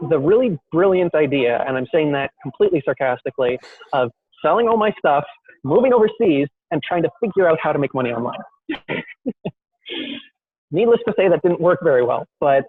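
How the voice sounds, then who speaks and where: A man's voice: on the high side, no room sound. A young man in an interview, telling his story in a rambling, self-deprecating way with many fillers and restarts. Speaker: guest entrepreneur. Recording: dry, tinny phone-like call audio.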